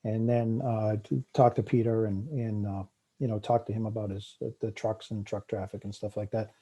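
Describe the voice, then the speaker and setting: A man with a Boston accent answers questions at a town committee meeting. His voice is very dark and mellow, and he talks haltingly, with plenty of fillers and restarts. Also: on the low side, flat delivery, breathy edge. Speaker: town official presenting a park project.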